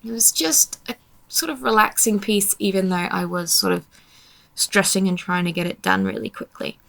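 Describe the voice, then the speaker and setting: A woman's voice: mid-range voice, animated, normal speed, vocal fry, fairly bright tone. A young woman giving a casual voiceover about her painting, tired and yawning, grumbling at herself in a self-deprecating way. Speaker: artist narrating her painting.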